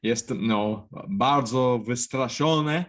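A man's voice: mid-range voice, slow pace. An English-speaking man hosting a podcast, practicing Polish hesitantly in an easygoing way. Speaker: podcast host and Polish learner. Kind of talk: language-learning podcast chat.

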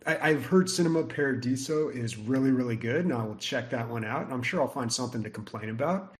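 A man's voice: medium pitch, brisk. A man co-hosting a casual podcast chat, rambling with lots of fillers. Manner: chatty, lots of likes and ums. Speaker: podcast co-host.

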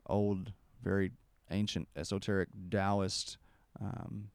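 A man with a low, gravelly voice tells a long story at an outdoor retreat, circling back and restarting his sentences. His voice stays smooth and clear, and the recording is close and dry. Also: steady tone, takes it slowly, a little mellow, no room sound. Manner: rambling, with many restarts and acted-out quotes. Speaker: podcast host. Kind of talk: casual storytelling conversation.

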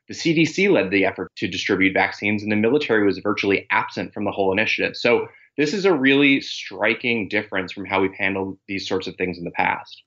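A man's voice: lowish voice, a bit bright, highs cut off. A man, a news correspondent explaining his reporting as an interview guest over a band-limited remote line.

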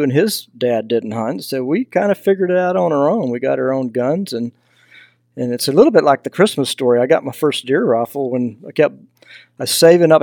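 As a guest on a podcast, an older man from Texas, a hunting mentor and foundation founder, tells stories in a relaxed, folksy Southern manner. His voice is medium-pitched and a little mellow, recorded cleanly in a studio without echo.

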